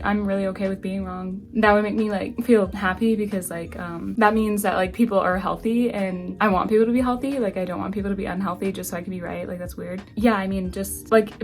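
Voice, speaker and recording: A young woman talks casually in her home kitchen, rambling from thought to thought with a steady stream of fillers and self-deprecating asides. Her voice sits at an ordinary middle pitch, and soft lofi music plays faintly underneath. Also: vocal fry. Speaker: vlogger. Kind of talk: casual chat while baking.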